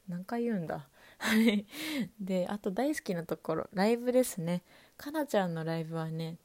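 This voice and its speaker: A young woman, a university student, talking on her own in a calm, casual monologue and speaking straight to her listeners. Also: fairly low pitch. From Kanto, Japan. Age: young adult. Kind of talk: solo chatty monologue.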